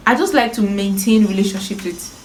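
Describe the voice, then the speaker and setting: A woman's voice: medium pitch, a little fast. A young Nigerian woman chatting playfully with her brother, slipping into pidgin. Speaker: co-host. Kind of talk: casual chat. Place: outdoors. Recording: roomy echo, faint noise.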